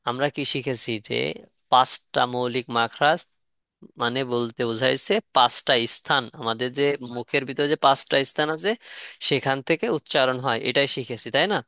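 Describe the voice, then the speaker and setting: A man's voice: mid-range voice, moderate pace, sharp tone, dry recording, studio quality. A man teaching Quran letter pronunciation in a live online class, repeating questions and asking students to respond.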